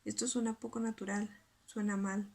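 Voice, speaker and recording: A woman whose first language is Spanish, reading a scripted lesson and sounding out syllables slowly. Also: mid-range voice, flat delivery, gravelly, darkish tone. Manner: reads carefully, spells out syllables slowly. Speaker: student presenter.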